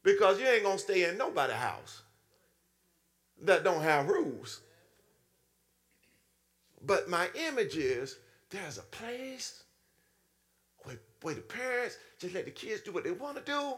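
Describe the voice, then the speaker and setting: A man preaching a sermon in a style, his voice sitting fairly high and leaping about wildly. He talks back and forth with the congregation and slips into little acted-out voices, swinging from sudden squeals down to low mutters. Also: big pitch swings, unhurried, long pauses, a bit bright. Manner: call-and-response preaching, frequent "Hmm?" to the congregation.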